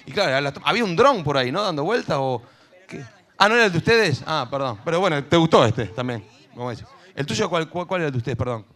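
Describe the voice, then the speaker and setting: A man hosting a school event on stage, chatting and joking with teachers and kids, cheering one moment and dropping into low asides the next. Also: lively intonation, fast, fairly bright tone. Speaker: event host.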